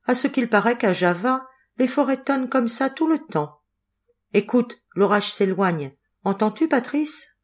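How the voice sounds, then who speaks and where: A woman reading the lines of a lively, devoted young woman in an audiobook, in an eager and expressive way. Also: a little high, unhurried, pitched above the performer's own voice. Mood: wondering.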